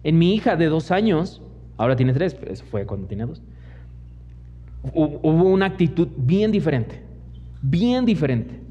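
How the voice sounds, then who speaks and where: A young Mexican man preaching in a big church hall, his mellow, fairly high voice carrying a long reverb on a dull, lo-fi recording. He tells stories from his own life and slips into the voices of the people in them. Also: very animated, normal speed, pauses often, husky. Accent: Mexican Spanish. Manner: storytelling preacher who mimics others in quoted asides. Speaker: pastor. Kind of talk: sermon.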